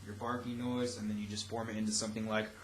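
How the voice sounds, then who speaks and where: A man's voice: lowish voice, little pitch movement, quick pace. A young man giving a casual, loosely rambling tutorial as a vocal instructor. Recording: roomy echo, faint background noise.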